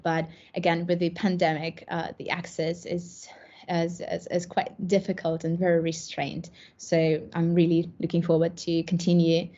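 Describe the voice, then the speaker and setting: Speaking with a Russian accent, this woman fields questions as a presenter at an online conference, stumbling through plenty of fillers and false starts. Her pitch sits on the low side with a dark tone, and the audio is dull.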